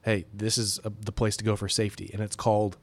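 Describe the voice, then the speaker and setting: A man's voice: on the low side, level tone, quick pace, no room sound. Joking man chatting on a podcast. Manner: joking, riffs on the story with mock voices. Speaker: podcast co-host. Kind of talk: casual chat.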